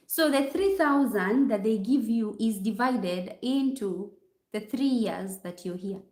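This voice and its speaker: A woman's voice: on the high side, unhurried, a little mellow. A Kenyan woman, a nurse, chatting on a livestream and answering viewer comments, slipping in Swahili phrases. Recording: roomy echo.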